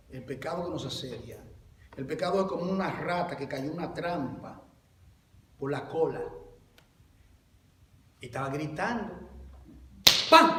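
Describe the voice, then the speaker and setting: Animated high-voiced pastor preaching in a hall. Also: male voice, far from the mic, a little hiss or hum. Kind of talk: sermon. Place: church hall.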